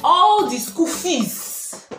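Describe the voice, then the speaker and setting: An outraged Nigerian parent acted by a woman scolds forcefully and indignantly in a comedy skit. The voice rings in an echoey room, with music clearly behind it. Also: very high voice, very animated, drawn-out words, pitched above the performer's own voice, exaggerated voice.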